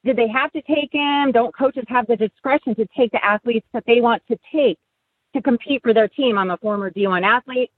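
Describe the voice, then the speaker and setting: A woman's voice: fairly high pitch, brisk, breathy edge. A middle-aged woman calling in to a radio talk show over a phone line, asking a question politely and thinking it through aloud. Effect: phone line call-in audio. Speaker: radio call-in caller. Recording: tinny phone line, dry.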